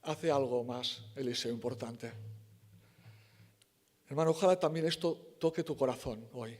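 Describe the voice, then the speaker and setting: A man's voice: medium pitch, measured pace, a little mellow. A man preaching a sermon in church, emphatic and conversational, correcting himself and acting out the quoted lines.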